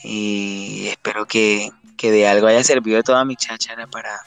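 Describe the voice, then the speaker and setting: A man's voice: on the low side, flat delivery, moderate pace, creaky, smooth, soft background music. A man from Colombia answering radio interview questions about his songs, telling stories reflectively with frequent restarts. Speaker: musician guest.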